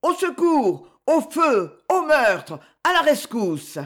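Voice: very animated, slow, exaggerated voice. A reader shrieking as a frantic manservant. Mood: panicked. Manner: shrill frantic yelling. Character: panicked male servant yelling for help. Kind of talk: audiobook reading.

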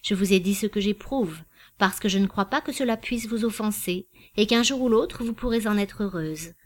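A woman reading a composed, formal gentleman. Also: mid-range voice, close to an everyday voice. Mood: earnest, polite. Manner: measured, formal, gently insistent. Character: composed, courteous, quietly proud gentleman. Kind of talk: audiobook reading.

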